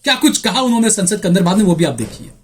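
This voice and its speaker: A man's voice: high-pitched, expressive, rapid-fire, soft background music. A man hosting political opinion commentary, sarcastic and indignant as he talks to viewers.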